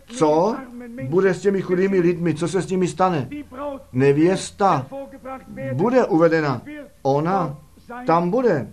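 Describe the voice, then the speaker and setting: A man's voice: fairly high pitch, animated, long pauses, a little mellow. A man preaching a sermon fervently, firing rhetorical questions at the congregation.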